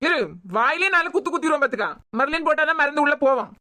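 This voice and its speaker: A woman with a Kanyakumari Tamil accent voicing a teasing, devoted young male doctor in a cartoon, scolding in quick banter. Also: high-pitched, pushed and bright, no room sound, studio quality. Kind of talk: cartoon voice acting.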